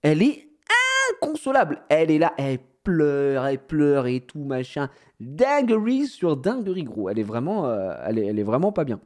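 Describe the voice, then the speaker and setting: A man telling a story casually to his viewers, in an animated, slangy way, often laughing at himself. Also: medium pitch, fairly quick. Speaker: streamer.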